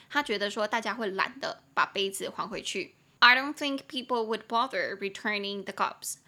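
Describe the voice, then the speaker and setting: A young woman with a Taiwanese Mandarin accent hosting a casual podcast English lesson, chatty and animated, spelling words out and breaking into exasperated rants. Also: on the high side. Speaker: podcast host and English teacher.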